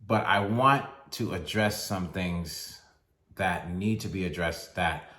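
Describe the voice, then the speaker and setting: A man giving a motivational sermon in a slow, deliberate way with long pauses. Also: low voice, pushed and bright. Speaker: speaker. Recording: echoey room.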